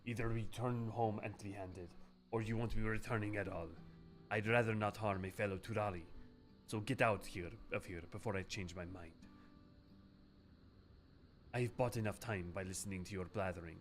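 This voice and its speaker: A man voicing a stern, guarded mercenary in a video game, curt and quietly threatening. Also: on the low side, steady tone, moderate pace, soft background music, voice pushed down, close to an everyday voice. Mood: cold warning.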